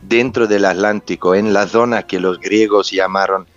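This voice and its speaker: A man's voice: low voice, steady tone, normal speed. A man, a native English speaker with a foreign accent, telling his story as an interview guest, searching for words and repeating for emphasis. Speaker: interview guest, underwater explorer and researcher. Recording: muffled sound with music behind.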